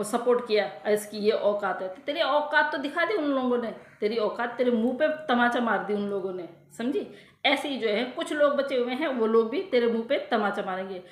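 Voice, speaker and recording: Woman vlogger ranting scornfully, highish voice, echoey room, repeats herself a lot. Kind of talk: ranting commentary to viewers.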